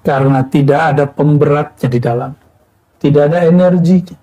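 A man in his thirties from West Sumatra, preaching calmly to students with rhetorical questions and a frequent "ya". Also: a little high, fairly quick, low-quality recording. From West Sumatra, Indonesia. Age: 30s. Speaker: Islamic preacher. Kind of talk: sermon to students.

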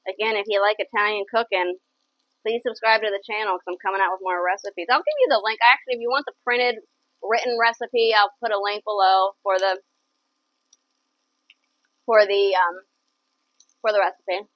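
A woman's voice: mid-range voice, fairly even intonation, moderate pace, pauses often, no echo, lo-fi sound. A woman hosting a live cooking show in her kitchen, chatty and enthusiastic, often repeating herself. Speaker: cooking channel host. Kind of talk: casual live cooking chat. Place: home kitchen.

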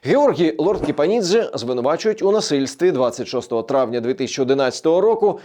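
A man presenting a weekly regional news roundup in a measured, scripted delivery. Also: on the high side, lively intonation, warm tone.

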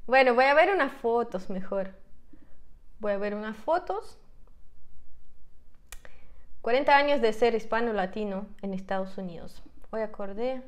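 A young Russian woman, a native Russian speaker, in a casual home vlog. Her voice sits a little high as she reads from a laptop and thinks aloud, with plenty of fillers and restarts. She speaks into a clip-on mic in a room at home. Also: animated, a little slow, long pauses. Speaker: vlogger. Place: home room with a piano, indoors. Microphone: clip-on lapel mic.

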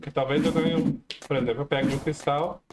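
Man, let's-play streamer, chatty and excitable, slightly high voice, faint noise behind. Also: brisk. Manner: chatty, talks to viewers, many exclamations. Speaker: gameplay streamer. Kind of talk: casual let's-play commentary.

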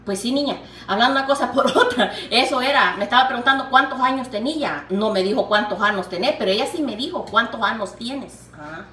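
An older woman talks warmly to her viewers, calling them sweetheart and laughing often. Her voice sits a little high, and it carries through an echoey kitchen from a step back from the mic. Faint household noise hums behind her. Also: fairly quick, few pauses. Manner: chatty and affectionate, calls viewers "niña" and "hija linda"; laughs often, upbeat encouraging talk. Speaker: vlogger. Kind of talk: casual chat to camera while cooking. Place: home kitchen. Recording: echoey room, mic at some distance.

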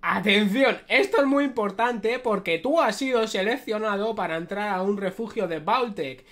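A woman with a Spain Spanish accent giving lively, laughing reaction commentary on a video. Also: mid-range voice, normal speed. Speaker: youtuber reacting.

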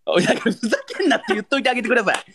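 Fast, lively Kansai man ribbing his guest. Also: extremely high pitch, slight background noise. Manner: mock-angry teasing, pleads for gifts. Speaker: livestreamer. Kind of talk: live-stream battle banter.

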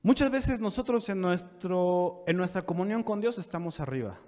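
A man preaching a sermon to young people, building from calm talk to fervent shouting. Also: high voice, moderate pace. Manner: preaching with rising fervor, shouting at peaks. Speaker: pastor. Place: church sanctuary. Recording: long church reverb.

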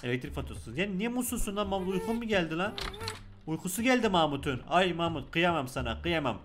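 A young man with a Turkish accent giving joking, excitable let's-play commentary, talking loudly to the game's baby. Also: high-pitched, fast talker, noisy background. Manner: loud, joking, excitable, talks to the game baby. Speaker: gaming YouTuber.

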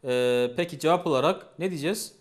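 Patient male language teacher, slightly high. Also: brisk. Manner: patient, repeats each phrase and asks questions. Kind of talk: language lesson.

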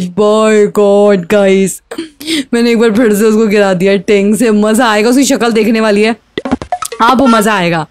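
A woman streamer giving excited, teasing gameplay commentary and trash-talking her rival. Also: on the high side, slight background noise. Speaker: gaming streamer.

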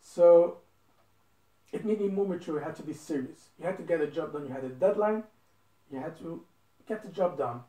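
A man's voice: fairly high pitch, normal speed, dark tone. A young man from Belgium in his twenties, answering interview questions in an earnest, casual way and repeating points for emphasis. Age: 20s. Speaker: interview guest. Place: living room indoors. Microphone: phone camera across a table. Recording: roomy, from a distance.

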